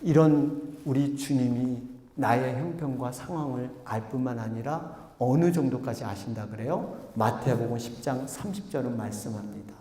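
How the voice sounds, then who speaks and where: A man's voice: mid-range voice, moderate pace. A male pastor preaching a sermon, telling stories with animation and speaking directly to his congregation. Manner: animated storytelling, addresses congregation. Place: church sanctuary. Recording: echoey church hall.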